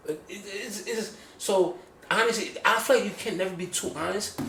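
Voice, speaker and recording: A man telling a personal story on a casual podcast, animated and repeating phrases like "you feel me". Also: sits high, moderate pace, creaky, roomy sound, a crowd in the background. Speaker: podcast host.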